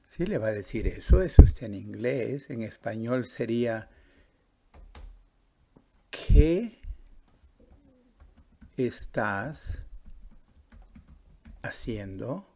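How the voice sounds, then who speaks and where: A man's voice: fairly low pitch, lively intonation, vocal fry, warm tone, slight background noise. A man teaching a Spanish grammar lesson, patiently explaining step by step and often checking with the listener. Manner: patient, drawn-out, stops to ask "¿sí?" and "¿verdad?".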